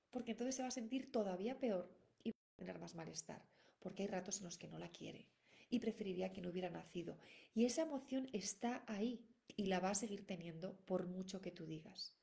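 A woman's voice: medium pitch, creaky, mellow. A middle-aged woman gives parenting advice in a solo talk, talking directly to her listeners and repeating her points. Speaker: parenting educator.

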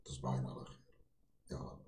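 Here a prank video-chat host from Kurdistan, a deep-voiced man in his 40s who speaks Kurdish as his first language, jokes with strangers through teasing, rapid-fire questions. His delivery is flat and warm-toned with vocal fry, and the distant desk webcam catches him off mic in a small bare-walled room that echoes.

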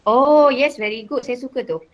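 A woman teacher with a Malaysian Malay accent gives a casual revision lesson, using many fillers and mixing in English words. Her voice is high and her pace moderate, and the audio has its highs cut off.

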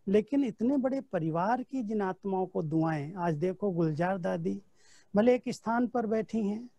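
A man's voice: sits high, lively intonation, measured pace, vocal fry, warm tone, no room sound. A man giving a spiritual class, telling personal anecdotes and recounting conversations from memory. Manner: storytelling, recounting dialogue from memory.

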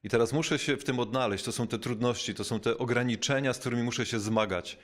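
A man, a bishop, giving a reflective spiritual talk, thoughtful and unhurried, with frequent pauses and fillers, slowing down to stress key words. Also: mid-range voice. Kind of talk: reflective spoken teaching.

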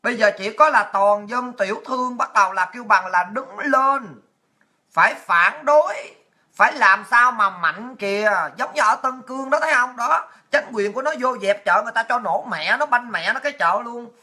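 Woman commentator, sharp bright tone, swearing, crude and heated delivery. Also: a little high, normal speed. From Vietnam. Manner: blunt, crude, fiery, swears a lot. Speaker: political commentator. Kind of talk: impassioned political rant to viewers.

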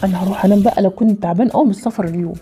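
Woman voicing an Egyptian dad, mellow tone, fast talk, gentle, reassuring. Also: medium pitch, slight background noise, lightly acted. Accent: Egyptian Arabic. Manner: calm, reassuring. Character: gentle father, often away traveling.

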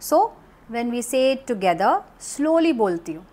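A woman leads a chanting lesson with a very slow, deliberate delivery. She reads each verse syllable by syllable, and her voice rises and falls in wide melodic sweeps. She switches easily between two languages as she explains. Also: fairly high pitch, big pitch swings, a little mellow. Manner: mixes English phrases into her teaching. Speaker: chanting teacher. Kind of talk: recitation lesson.

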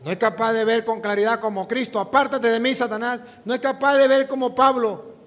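A priest preaches with a fairly high, animated voice, acting out the dialogue of his story as he goes. His words ring out with a long reverb, as in a big church hall. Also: fairly quick. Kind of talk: sermon with storytelling.

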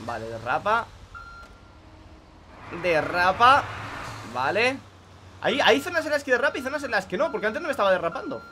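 A man's voice: high-pitched, big pitch swings, moderate pace, pauses often, noisy background. A young man with a Spain Spanish accent, commenting live on his gameplay for viewers, exasperated and swearing often. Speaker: gaming youtuber.

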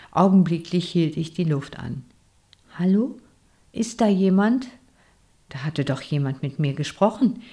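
A woman reads her own children's storybook aloud in first person. Her voice sits somewhat low, and she tells it expressively, with whispered asides. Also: darkish tone. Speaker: picture book author and reader.

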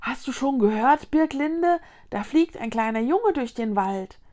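A woman's voice: mid-range voice, slow pace, creaky, exaggerated voice. A woman voicing an eager, gossiping birch tree woman spreading news. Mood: excited. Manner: excited and gossipy.

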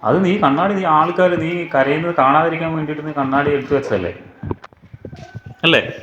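A father from Kerala vlogs at home, playfully quizzing his small child in a casual family video. His voice is a little high at a moderate pace, and the home recording is roomy, dull and noisy.

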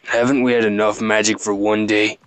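A man's voice: on the low side, little pitch movement, brisk, fairly bright tone, clear, resonant tone, no echo, natural voice. A man reading the lines of a sarcastic male fighter in a game, wryly and in his own voice.

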